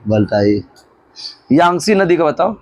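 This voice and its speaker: A man, a teacher running a loud rapid question-and-answer drill in a classroom. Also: fairly high pitch, big pitch swings, no room sound. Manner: loud call-and-response quizzing, often shouting. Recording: loud classroom crowd chanting along. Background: students answering in chorus.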